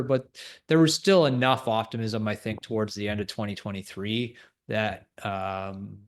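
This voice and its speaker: A man co-hosting a finance podcast, explaining markets in a thoughtful, hedging way. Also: lowish voice. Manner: thoughtful, hedging, laughs between points. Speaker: co-host. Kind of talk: casual finance podcast chat.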